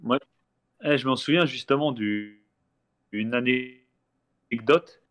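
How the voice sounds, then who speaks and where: A man's voice: medium pitch, slow pace. A man telling travel stories in casual chat on a live talk show, joining over a video call and rambling with many restarts. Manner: rambling, restarts often, acts out quoted exchanges. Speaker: guest traveler. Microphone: remote video call.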